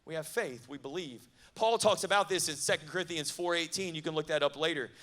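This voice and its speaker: A man preaching at a youth camp, lively and conversational with asides to the crowd. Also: fairly high pitch, fairly quick. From not from the American South. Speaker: youth pastor. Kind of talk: sermon.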